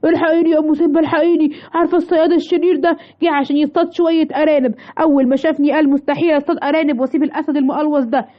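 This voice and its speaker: A woman's voice: high-pitched, fairly even intonation, rapid-fire, hardly any pauses, highs cut off, close to an everyday voice. A woman with an Egyptian accent voicing a frightened male lion trapped in a cage, pleading for help in a children's story. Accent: Egyptian Arabic.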